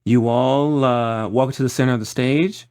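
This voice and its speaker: A man working as game master, narrating a tabletop roleplaying game in a halting, piecemeal way. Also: medium pitch, fairly even intonation, a little mellow, smooth.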